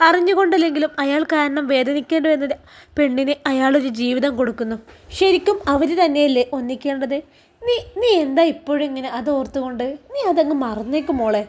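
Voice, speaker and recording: A woman's voice: high-pitched, animated, fairly quick. A woman voicing a caring young woman friend who comforts and fondly scolds, with a Malabar Malayalam accent. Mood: consoling.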